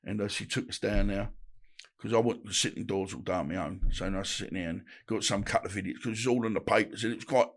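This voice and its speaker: A middle-aged man, a guest telling stories from his boxing days in a halting, rambling way, full of restarts. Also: lowish voice. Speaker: guest, ex-boxer. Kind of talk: casual interview chat.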